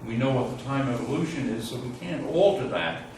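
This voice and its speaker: A university physics lecturer gives an informal class lecture with student questions, his mid-range voice swinging widely in pitch. He speaks haltingly, thinking aloud and admitting openly what he doesn't know. The mic sits away from him in the lecture room, so there's roomy echo and loud room noise.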